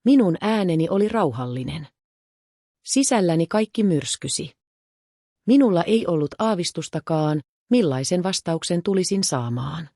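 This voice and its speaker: Calm woman narrating a story, low voice. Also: no echo, studio quality. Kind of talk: scripted first-person story narration.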